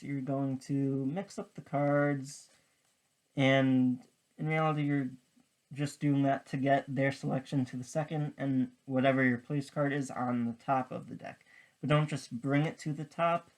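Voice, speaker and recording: Slow-paced, halting card trick tutorial presenter. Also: medium pitch, a little mellow, poor audio. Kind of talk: casual step-by-step magic tutorial patter.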